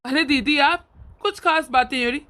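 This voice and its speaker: A woman with a high-pitched, sharp voice performs cartoon voice acting as a young husband and doting brother with a short fuse. The character comes across earnest and quick to anger.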